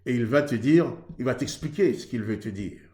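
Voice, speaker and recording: A man's voice: medium pitch, normal speed, darkish tone, reverberant. A man from Haiti preaching earnestly on marriage, in a conversational way that acts out both sides of a couple's exchange. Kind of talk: sermon on marriage.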